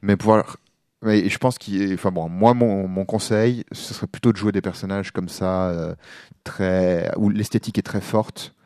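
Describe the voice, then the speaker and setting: A fairly low-voiced man talks casually on a podcast. He argues his opinions in a halting way, often rephrasing, in a dry, close sound. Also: steady tone, mellow, no echo. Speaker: podcast co-host discussing a role-playing game.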